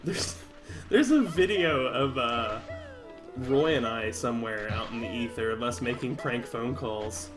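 A man's voice: mid-range voice, measured pace. A tipsy man hosting a let's play, rambling and giggling as he chats casually over the gameplay. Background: game music.

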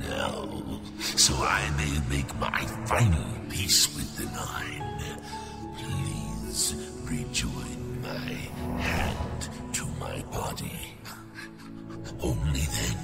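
A man voicing a spooky undead lich in a fantasy video game, grandiose and theatrical with a gravelly voice. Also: extremely low pitch, full character voice. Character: undead male lich skeleton, spooky, feigned remorse turned menacing. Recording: loud music behind the voice. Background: game music.

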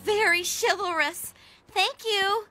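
A woman voicing an earnest, excitable teenage girl in a cartoon. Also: very high voice, takes it slowly, faint music behind, full character voice.

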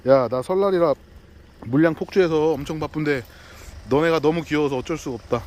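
A man's voice: fairly high pitch, moderate pace, a little mellow. A male delivery driver in a casual vlog, cooing and teasing two small dogs outdoors in baby talk. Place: outdoors at a house yard.

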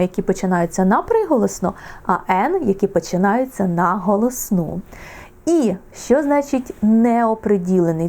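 A woman teaching English articles, slowing down to model and repeat example words. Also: a little high, dark tone. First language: Ukrainian. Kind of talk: explaining grammar with examples.

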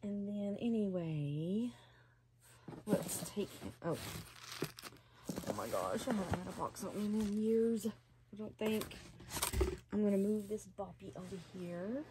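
An older woman chatting slowly and fondly in her small hobby room at home, gushing as she opens a doll box. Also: mid-range voice, expressive, background noise. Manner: chatty, softly gushing, slow and unhurried. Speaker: reborn doll collector. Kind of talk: casual unboxing chat.

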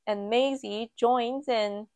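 A woman with a slightly high voice reads a children's picture book aloud slowly, gently and expressively, lifting her voice for quoted lines. It's storytime narration recorded close and dry with no room sound, indoors at a table with the book filmed from above.

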